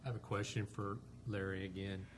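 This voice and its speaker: Low-voiced man with noise behind. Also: level tone, fairly quick. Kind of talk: formal questioning, reading regulations aloud.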